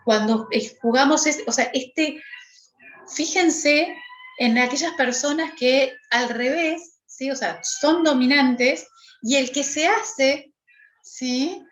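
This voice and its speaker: A middle-aged woman with a Rioplatense Spanish accent leads an online class, her voice a little high. She explains step by step and keeps checking that her listeners follow. The room sounds echoey around her. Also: slow pace, a little hiss or hum. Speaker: workshop teacher.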